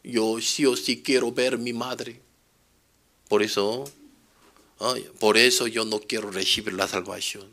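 A grieving young woman pleads in a slow, plaintive voice, as a male preacher puts her on. The tone is bright and clear and the words come unhurried. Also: medium pitch, steady tone.

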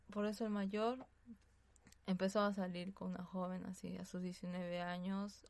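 Woman guest, soft and hesitant testimony, even flat tone, dry close sound. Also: on the low side, gravelly, no room sound. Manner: tags sentences with "así, ¿no?"; soft-spoken, hesitant storytelling. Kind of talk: personal testimony in a radio interview.

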